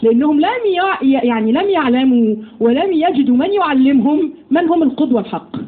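A woman with an Egyptian accent giving a lively religious lesson to women, often putting questions to her listeners. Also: sits high, a little fast. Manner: lively, asks the audience questions. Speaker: religious teacher. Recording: tinny phone-like audio with faint noise.

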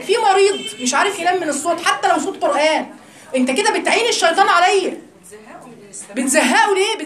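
A woman with an Egyptian Arabic accent giving a religious lesson to a group of women, talking in a lively, teasing, conversational way. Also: high-pitched, echoey room. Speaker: religious teacher.

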